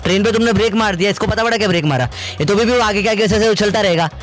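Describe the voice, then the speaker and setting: A man's voice: sits high, very fast. A young man, a physics teacher, bantering playfully in a quiz and laughing often. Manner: jokey, laughing, keeps calling things simple.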